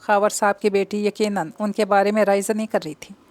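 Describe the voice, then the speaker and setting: A woman narrating an audio novel in steady storytelling tone. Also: mid-range voice, a little fast.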